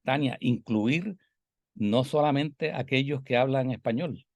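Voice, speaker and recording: A man's voice: medium pitch, measured pace, darkish tone, no echo. An older man with a Puerto Rican Caribbean Spanish accent gives discursive, reflective interview answers, repeating phrases for emphasis. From Puerto Rico. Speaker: interviewed poet and scholar.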